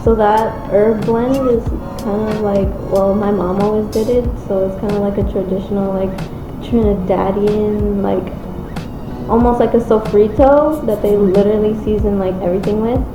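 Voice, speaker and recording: A woman's voice: mid-range voice, steady tone, moderate pace. Woman chatting about her cooking, slangy n into it, echoey room w music behind. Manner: casual, slangy, enthusiastic. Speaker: home cook describing her recipe. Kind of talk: casual chat, commentary on cooking footage. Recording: roomy echo, music behind. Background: background music.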